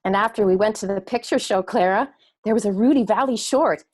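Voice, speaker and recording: An actress playing a gentle, starstruck grown daughter, defensive with her mother, in a period drama reading. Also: medium pitch, a little fast, close to an everyday voice. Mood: eager, hesitant.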